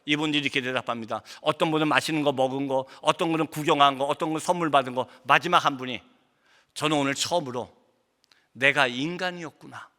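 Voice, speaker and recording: A man's voice: on the high side, fairly even intonation, racing, few pauses, fairly bright tone. A man who is a missionary pastor, giving an impassioned sermon testimony in a church and acting out his own past outbursts. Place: church sanctuary. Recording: long church hall reverb.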